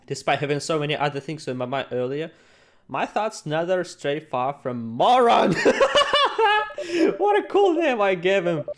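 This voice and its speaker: With a fairly high, sing-song voice at a normal speed, the man hosts a gaming video, performing the on-screen text with theatrical flair. He jokes and exclaims to himself as game music runs underneath.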